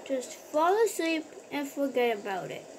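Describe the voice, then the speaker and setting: A drowsy boy sea creature brushes off his brother with flat, matter-of-fact replies, as a performer voices him. His voice is high. A faint hiss runs under the recording. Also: moderate pace. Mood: dismissive. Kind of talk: toy-figure skit role-play.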